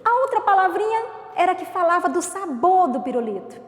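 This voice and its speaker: A woman with a Brazilian accent, teaching a remote class to young children in a slow, sing-song way, stretching out syllables. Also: very high voice, big pitch swings. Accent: Brazilian Portuguese. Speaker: primary school teacher. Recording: echoey room with long reverb.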